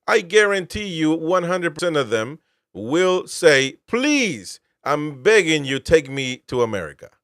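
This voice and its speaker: A man's voice: on the high side, big pitch swings, a little slow, a bit bright, dry recording, clean studio sound. A man from Peru, host and military veteran, giving political commentary with emphatic, incredulous rhetorical questions.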